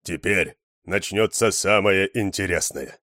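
A gruff armed man talks in a low, plain way, as the male reader voices him. His tone stays gently teasing. The reading is close and dry. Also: measured pace, no echo. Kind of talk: audiobook reading.

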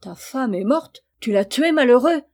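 A woman's voice: on the high side, moderate pace, mellow, lightly acted. Woman voicing a furious old sea king. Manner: brusque and scolding.

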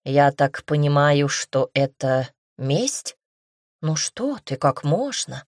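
A composed male mentor with a dry, gently mocking wit, as a woman narrator puts him on. He speaks low and unhurried, amused and sure of himself. The audiobook voice sounds close and dry. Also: dry recording, heavily acted. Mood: wry. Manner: calm, wry, gently mocking.

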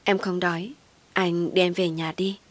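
Brief: woman reading as a nervous young woman in a storybook, hesitant, low dry voice. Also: little pitch movement, moderate pace, no echo, natural voice. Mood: anxious. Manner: timid, hesitant. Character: timid anxious young woman.

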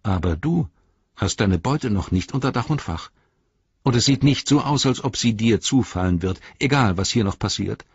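A man voicing a young male hobbit bargaining persuasively with urgent speech, husky-voiced, in a slightly dull recording. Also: lowish voice, no room sound, exaggerated voice.

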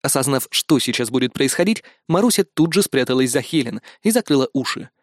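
A man narrating an audiobook in a lively, ironic storytelling manner. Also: mid-range voice, fairly quick, dry recording, studio quality. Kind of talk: audiobook reading.

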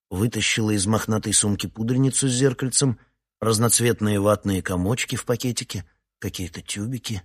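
A man's voice: sits low, husky. A man narrating a first-person story in a weary, wry audiobook reading.

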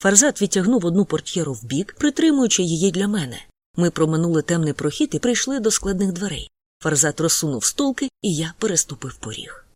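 An audiobook narrator reading first-person literary prose at a middle pitch. The delivery is even and descriptive, and the recording is dry and close. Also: a little fast, no echo.

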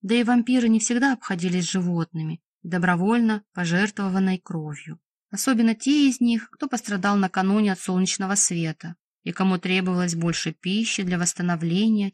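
A woman narrating a fantasy audiobook in a steady, measured storytelling voice. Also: lowish voice, no room sound. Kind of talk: scripted narration.

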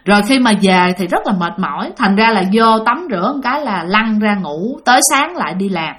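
A woman's voice: medium pitch, lively intonation, a little fast, fairly bright tone. A woman narrating a ghost story in a casual, chatty way, speaking directly to her listeners.

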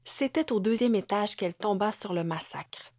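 A woman reading an audiobook novel in measured, deliberate narration. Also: medium pitch, lively intonation, darkish tone, no room sound, clean studio sound. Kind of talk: scripted narration.

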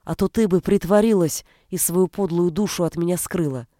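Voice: medium pitch, normal speed, darkish tone, no echo, clean studio sound, close to an everyday voice. A reader voicing a proud, hurt young peasant woman who speaks indignantly and coldly, in an audiobook. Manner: indignant, cold. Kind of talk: audiobook character reading.

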